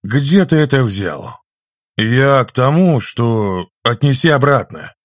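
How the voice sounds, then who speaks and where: A man voicing a grumpy, sarcastic old shopkeeper in an audiobook, grumbling his lines in a higher, louder voice. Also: expressive, takes it slowly, no room sound, studio quality. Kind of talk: audiobook reading.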